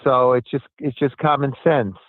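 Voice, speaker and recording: A man's voice: medium pitch, steady tone, normal speed, dry recording. Older man on a tinny phone line. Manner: earnest, emphatic, repeats his points. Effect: heard over a cell phone line. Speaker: city commissioner calling in as a guest. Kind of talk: phone-in interview answers.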